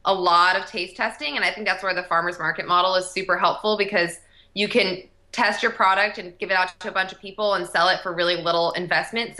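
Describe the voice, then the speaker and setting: A woman's voice: fairly low pitch, sharp tone. A young adult woman, a company co-founder, giving eager, upbeat answers as a guest in a casual interview.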